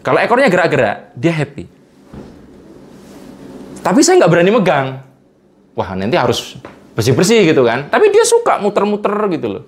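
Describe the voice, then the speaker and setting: A man's voice: on the high side, wildly swooping pitch, normal speed, pauses often. A man in a casual interview, explaining with everyday examples and chuckling often. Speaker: guest speaker on vibration and energy.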